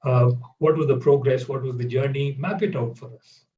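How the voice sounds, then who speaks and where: A man interviewing a guest in a measured, hesitant way with many fillers, heard over a video call. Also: medium pitch, steady tone, dark tone, slight background noise. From India. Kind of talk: conversational interview. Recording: roomy, distant, dull audio.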